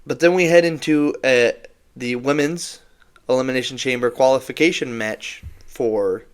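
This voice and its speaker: A man's voice: mid-range voice, moderate pace, smooth. A young man co-hosting a casual wrestling recap podcast, rambling and stumbling over words. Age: young adult. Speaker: podcast co-host.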